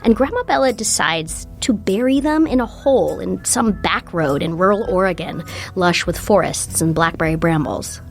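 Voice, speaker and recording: A woman's voice: lowish voice, animated, normal speed, creaky, soft background music. A woman hosting a podcast, reading scripted narration in a wry, matter-of-fact way. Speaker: host.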